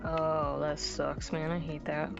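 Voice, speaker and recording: A woman's voice: low-pitched, little pitch movement, takes it slowly, vocal fry, music in the background. A woman chatting casually in an online voice call, her voice coming through crunchy and bitcrushed. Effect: crunchy, bitcrushed voice chat audio. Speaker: voice chat guest on a live stream. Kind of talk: casual chat. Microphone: voice chat over the internet. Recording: dull, crunchy voice chat line.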